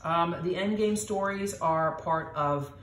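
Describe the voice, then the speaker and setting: A woman's voice: on the low side, unhurried, echoey room, slight background noise. A middle-aged woman hosting a casual board game session with her daughter, explaining rules aloud and reacting with little exclamations. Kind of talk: casual game-play chat to viewers.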